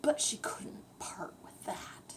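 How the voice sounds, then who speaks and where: An older woman recites a rhyming bedtime story to children, her voice breathy, slow and frequently dropping to a whisper. Her delivery stays hushed yet expressive throughout.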